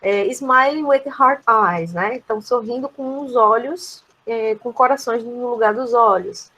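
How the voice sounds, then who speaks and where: Brazilian teacher, woman, slightly high and husky, patient step-by-step review. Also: measured pace, sharp tone, muffled recording. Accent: Brazilian Portuguese. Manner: explains each word, many "né?" tags. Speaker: English teacher. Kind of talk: online class review.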